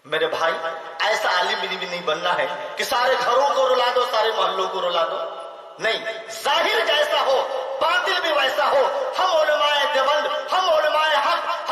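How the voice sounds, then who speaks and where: A man's voice: extremely high pitch, pushed and bright. A man from India, an Islamic cleric, preaching fervently to seminary students and building his points by repeating phrases. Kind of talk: impassioned sermon. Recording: echoey hall, voice from far off.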